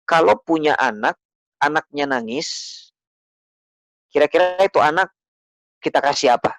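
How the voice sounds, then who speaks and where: A man's voice: a little high, no room sound. Conversational male preacher, dry sound. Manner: conversational, asks the audience questions, acts out voices. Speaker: Islamic preacher. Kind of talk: religious study lecture.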